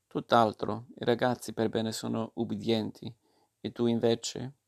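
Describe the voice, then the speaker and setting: A stern yet kindly fairy mother lecturing patiently, as a man reads her. The voice is low-key and gravelly, and it stays flat and even through each admonition in this storybook reading. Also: measured pace. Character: kind but stern fairy mother, female.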